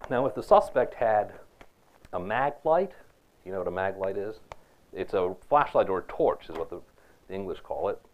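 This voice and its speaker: A man's voice: sits low, big pitch swings, normal speed. A man lecturing on philosophy to students in a conversational way, often checking in with "right?" and asking them questions. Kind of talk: university lecture. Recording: dull lo-fi lecture recording.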